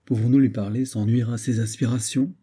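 A man voicing a witty, self-assured young poet who lectures his friend mockingly, in a dark, husky voice pitched up. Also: steady tone, brisk, lightly acted. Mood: teasing.

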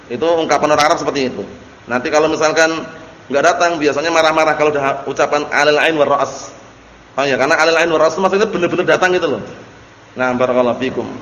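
A man's voice: a little high, fairly bright tone, muffled recording. A man teaching a religious study class, explaining Arabic text and often asking his students questions. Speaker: Islamic teacher. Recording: echoey hall recording with faint noise.

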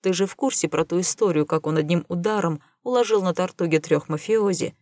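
A woman voicing a scheming, smooth-talking male spacer who lies with easy confidence, in an audiobook reading. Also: on the low side, brisk, darkish tone, dry recording, clean studio sound, natural voice. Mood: smooth, persuasive. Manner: confident, lying with easy enthusiasm.

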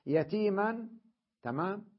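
A man's voice: high-pitched, lively intonation, slow. A man teaching an Arabic grammar class, explaining patiently and often checking that his students follow. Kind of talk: classroom lesson. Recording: dull lo-fi lecture recording.

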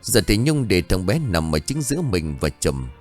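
Deep-voiced man telling a ghost story. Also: sing-song, normal speed, soft background music. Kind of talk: scripted horror story narration.

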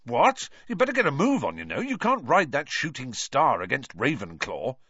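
A man voicing an eager young male sports captain who gets urgent and excitable, recorded a little dull and dry. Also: medium pitch, moderate pace, slightly rough, no echo, voice pushed up, exaggerated voice.

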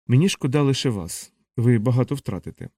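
A man voicing a calm, aloof gentleman who answers softly and coolly in a dry, close audiobook recording. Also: medium pitch, a little fast, slightly rough, dry recording.

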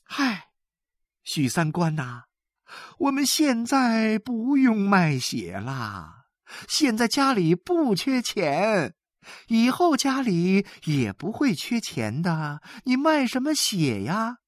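A fierce middle-aged wife from a story speaks in an emphatic, scolding voice, as a woman reader puts her on. Her pitch rises high and swings widely. The delivery is dry and close. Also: wildly swooping pitch, takes it slowly, dry recording, exaggerated voice. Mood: worried.

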